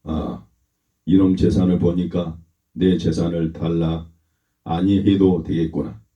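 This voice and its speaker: A man doing gruff suspicious older brother, low voice, blunt, dull lo-fi sound. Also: level tone, takes it slowly, mellow. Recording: roomy, dull lo-fi recording.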